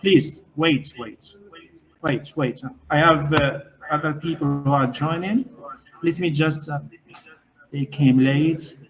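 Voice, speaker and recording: Halting man moderating an online lecture. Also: fairly high pitch, low-quality recording. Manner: halting, repeats himself. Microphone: video call.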